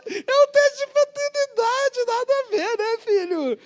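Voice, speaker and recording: A man voicing his anxious, easily tearful mother in a high fretful squeal. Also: expressive, a little slow.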